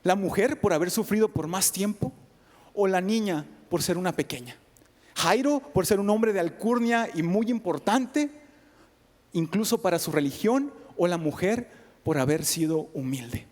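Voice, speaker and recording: A man's voice: high-pitched, expressive, measured pace, a little mellow, long reverb tail. A man preaching a sermon, retelling a scripture story in second person with dramatic swings, sometimes dropping to a whisper. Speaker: pastor. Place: church sanctuary.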